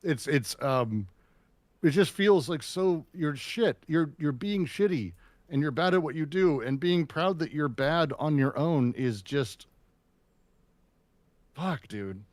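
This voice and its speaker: A man's voice: a little high, expressive, slow pace, no echo. A man co-hosting a casual podcast, speaking bluntly and profanely with open exasperation.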